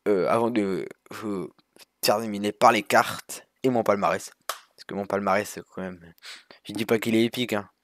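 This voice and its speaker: A man's voice: on the low side, steady tone, moderate pace, fairly bright tone, no echo, clean studio sound. A man casually narrating a walkthrough of a sailing game over his screen, rambling with many fillers and restarts. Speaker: gaming youtuber.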